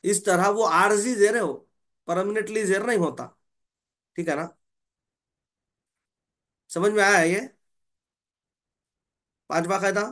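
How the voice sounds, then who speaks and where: A man teaching a Quran recitation class, patiently explaining rules and slowly stretching out example words. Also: sits high, fairly bright tone. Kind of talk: online tajweed class.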